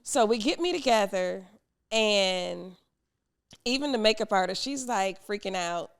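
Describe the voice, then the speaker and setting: Animated gravelly-voiced woman telling a story. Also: mid-range voice, unhurried. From United States. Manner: animated, acts out quoted people, laughs often. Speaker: podcast host. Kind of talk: storytelling podcast monologue.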